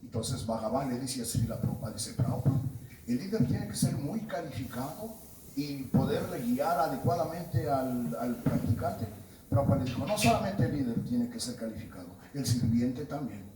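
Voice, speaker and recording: A man from Peru with a Peruvian Spanish accent, giving a spiritual talk and telling stories about his teachers. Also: normal speed. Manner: storytelling, quoting his teachers, animated rises in pitch. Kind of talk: sermon. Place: talk in a room in Lima. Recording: roomy, distant mic, noisy background.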